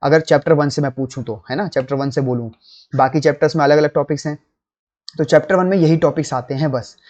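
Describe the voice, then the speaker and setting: A man's voice: fairly high pitch, steady tone, fast talker, darkish tone. A man teaching a chemistry lesson over slides. He talks to his students as kids and keeps checking in with them. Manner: addresses students as kids, checks in with "theek" and "hai na". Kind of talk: classroom lecture to students.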